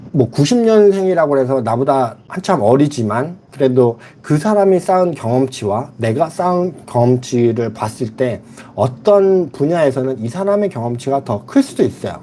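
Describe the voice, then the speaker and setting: This middle-aged man, based in the Philippines, runs a casual livestream where he reads out chat messages and responds frankly and bluntly. His mid-range voice has a dark tone and sounds animated at a normal speed.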